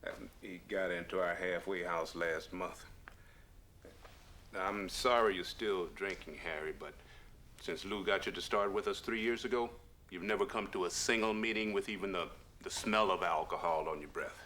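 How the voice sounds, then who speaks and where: An actor playing a male counselor who leads a veterans' group, speaking in a steady, reassuring, gently probing way. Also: sits low, normal speed, a little hiss or hum.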